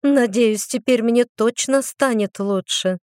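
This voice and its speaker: A woman voicing a spirited young female mage student, lively and a little whiny. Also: on the high side, takes it slowly, no room sound, clean studio sound, voice pushed up. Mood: bright.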